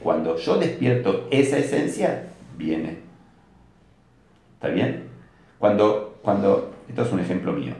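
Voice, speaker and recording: A rabbi with an Argentine Spanish accent teaches a religious class, animatedly telling stories and posing rhetorical questions. His voice is low-pitched and unhurried, with long pauses and heavy reverb.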